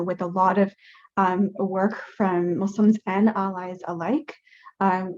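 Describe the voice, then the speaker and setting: A woman's voice: medium pitch, a little mellow. A woman making her case on an online panel, earnest and casual, with plenty of fillers and restarts. Her voice comes through a dull, lo-fi video call line.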